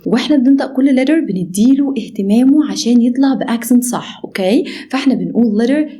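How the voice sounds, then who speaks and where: A woman with an Egyptian Arabic accent teaching English letter pronunciation, slowly demonstrating each sound and often asking "okay?". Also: on the high side, lively intonation, mellow. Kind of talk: online pronunciation lesson.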